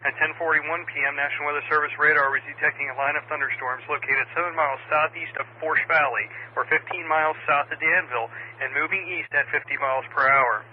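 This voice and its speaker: Fast-talking American man on crackly radio. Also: on the high side, steady tone. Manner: procedural, spelling out call signs. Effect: two-way radio. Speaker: amateur radio net control operator. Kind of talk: radio net dispatch, reading weather warnings. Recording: phone-like radio audio with static noise.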